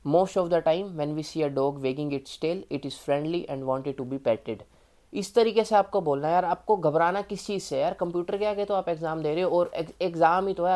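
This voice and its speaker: With an Indian accent and a somewhat high, darkish voice, a man talks the viewer through exam preparation in a casual spoken tutorial. He's chatty and informal, addressing the viewer directly as "yaar" and "bhai."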